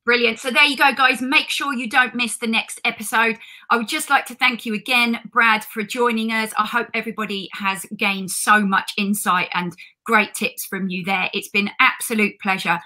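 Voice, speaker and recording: A woman's voice: on the high side, steady tone, normal speed, pushed and bright, low-quality recording. A woman hosting a live online interview, enthusiastic and upbeat. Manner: enthusiastic, keeps saying amazing. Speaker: interview host.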